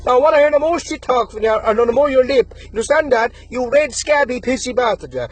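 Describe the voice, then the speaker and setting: Very high-pitched and expressive, a young Irish man in his twenties moves at a fairly quick pace through an aggressive, taunting callout rant to camera. He threatens a rival and keeps repeating the target's name. The audio is poor, though there's no room sound.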